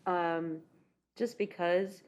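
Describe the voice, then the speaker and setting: A woman with a slightly low voice that is starting to give out makes matter-of-fact points at a meeting. She talks plainly and practically about wording. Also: steady tone, drawn-out words, smooth. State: losing her voice. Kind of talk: board policy meeting.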